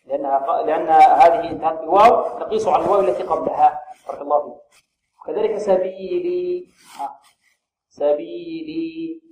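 A man teaching Quran recitation, quizzing his students and modelling slow, drawn-out pronunciations. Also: fairly high pitch, a little mellow. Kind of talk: tajweed lesson with students. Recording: echoey room, faint noise.

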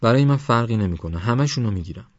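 A man's voice: medium pitch, dry recording, voice pushed up, close to an everyday voice. A man voicing a reckless, playful young villager who brags about catching snakes, in a dull, dry recording. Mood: boastful. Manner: playful, boastful, excitable.

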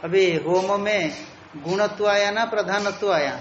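A man's voice: sits high, measured pace, a bit bright, reverberant, lo-fi sound, slight background noise. A man teaching a Sanskrit philosophy lecture, explaining step by step and repeating the key terms.

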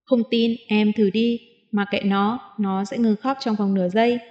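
A woman's voice: mid-range voice, fairly even intonation, normal speed, dull audio, natural voice. A woman reading as a teasing playful young man. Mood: whispering. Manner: teasing, coaxing.

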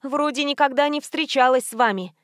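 A woman reading an audiobook, voicing a flustered young heroine in a high, pleading manner. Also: brisk, no room sound, studio quality, natural voice.

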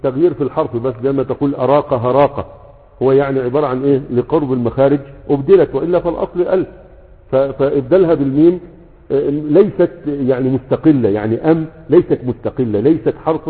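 A man with an Egyptian Arabic accent gives a brisk grammar lecture, talking fast and often breaking off to check that his students follow with quick questions. The sound is tinny and narrow, as if over a phone line, with a long echo around it. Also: medium pitch. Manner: keeps checking in with rhetorical questions. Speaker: grammar teacher. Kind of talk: lecture with a class.

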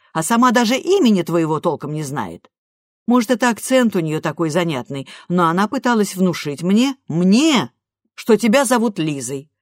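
A woman's voice: mid-range voice, no room sound, studio quality, voice pushed up, close to an everyday voice. A woman voicing a worried, tearful middle-aged mother who scolds and frets, in an audiobook. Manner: fretful, reproachful, tearful. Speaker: audiobook reader. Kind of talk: audiobook character voice.

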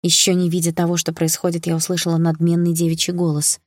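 A woman narrating an audiobook in the first person, calm and steady. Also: fairly low pitch, quick pace, dry recording, studio quality.

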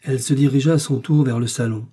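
A man narrating a classic novel in a measured, even reading voice. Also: medium pitch, slightly rough. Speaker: audiobook reader. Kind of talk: literary audiobook narration.

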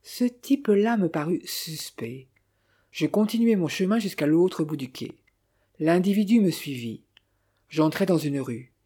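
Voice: medium pitch, expressive, measured pace, warm tone, slightly rough. A reader voicing a breezy young heir. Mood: recounting. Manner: cheerful, teasing, casually recounting. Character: breezy young man, idle heir, cheerful.

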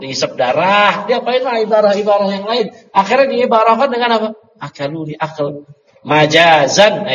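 A man's voice: on the high side, a bit bright. A middle-aged man teaching an Arabic grammar class in a casual, chatty way, quizzing his students and slipping in joking asides. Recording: dull lo-fi audio with long reverb and faint noise.

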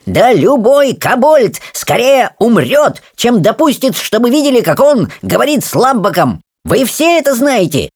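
A man voicing a small, theatrical male kobold who squeals melodramatic, outraged protests in a shrill voice. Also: big pitch swings, a little slow, fairly bright tone, no echo, clean studio sound, full character voice.

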